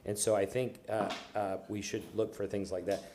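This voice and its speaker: A man on a city council, questioning staff at a public budget hearing in a halting way, with many restarts. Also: on the low side, little pitch movement, warm tone, a little hiss or hum. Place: council chamber.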